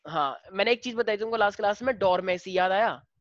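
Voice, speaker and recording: A male teacher with an Indian accent explaining biology to a class, switching between Hindi and slowly dictated English lines. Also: high voice, fairly bright tone, dry recording, dull audio.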